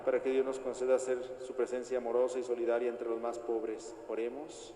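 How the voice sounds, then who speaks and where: A man speaking as a priest at Mass, reciting liturgical prayers in a solemn, formal, measured way in an echoing church. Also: medium pitch, monotone, mellow. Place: large reverberant church interior. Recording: echoey church hall, long reverb, noisy.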